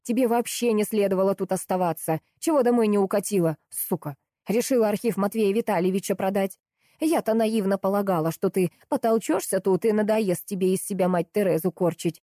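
A woman reading an audiobook, voicing a cruel, greedy older woman who speaks slowly and with cold contempt. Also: mid-range voice, warm tone, dry recording, studio quality, natural voice. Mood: contemptuous. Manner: contemptuous, slow and hissing.

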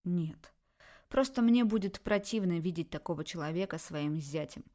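A woman voicing a stern, proud middle-aged father who lectures gruffly. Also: fairly low pitch, animated, moderate pace, mellow, natural voice.

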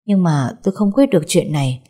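A woman's voice: fairly low pitch, big pitch swings, fast talker, warm tone, breathy edge. A woman voicing a hesitant middle-aged housekeeper who refuses to open the gate in a story. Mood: evasive. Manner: evasive and apologetic.

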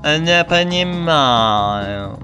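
A man's voice: a little high, lively intonation, extremely slow, music in the background. A man voicing a haughty female forest cat in a storybook, purring and drawling.

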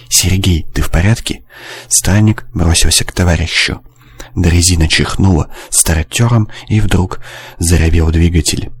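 A male audiobook narrator reading with a very deep, husky voice. His delivery is steady and measured, scripted narration throughout.

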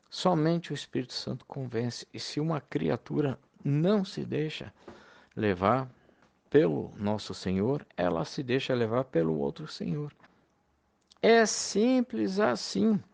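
Gravelly-voiced man preaching earnestly. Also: a little high. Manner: earnest, pleading, heartfelt. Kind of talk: recorded sermon to fellow believers.

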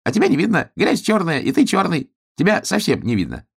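A man voicing a small, eager, know-it-all dandelion boy in a shrill, insistent storybook voice. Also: wildly swooping pitch, a little fast, creaky, husky, exaggerated voice.

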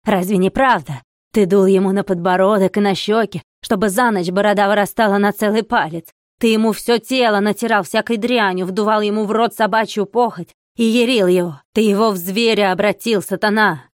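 A woman reading an audiobook voices a furious, fanatical male monk who shouts curses and accusations. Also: medium pitch, steady tone, brisk, no room sound, studio quality, close to an everyday voice. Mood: raging, accusing.

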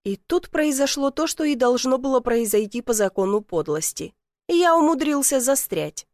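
A woman reads a first-person story aloud as an audiobook, with a wry storytelling manner. Her voice sits fairly high. The recording is dry and close. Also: animated, moderate pace, darkish tone, dry recording. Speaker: narrator. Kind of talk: audiobook narration.

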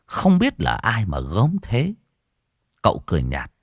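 A man tells a ghost story in a low voice with a lively, rising and falling delivery. The recording is dry and close, with no room around it. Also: unhurried, gravelly, no room sound. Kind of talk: dramatic storytelling narration.

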